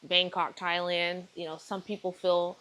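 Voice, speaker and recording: A woman's voice: fairly low pitch, flat delivery, a little slow, bright, forceful tone, poor audio. A woman, talking casually to camera in a rambling video diary full of fillers and self-corrections. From Texas, United States. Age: 30s. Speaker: vlogger.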